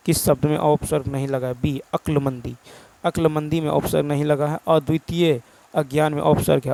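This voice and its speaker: A man from India running an exam-prep lesson, working through the answers one by one. His voice is gravelly and mellow and sits a little high, and his delivery is brisk, with long lists of examples. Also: rough recording. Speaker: teacher.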